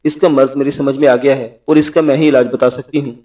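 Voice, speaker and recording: Scheming mistress with a cutting tongue read by a man in a near-plain voice, mellow tone, distant mic. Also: medium pitch, fairly even intonation, close to an everyday voice. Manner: taunting, provocative.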